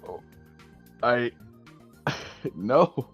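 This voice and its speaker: A man's voice: mid-range voice, lively intonation, very slow, breathy edge. Man, player, rambly, lots of ums, muffled lo-fi call mic, faint music. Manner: rambling, hesitant, many fillers. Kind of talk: casual chat on a voice call.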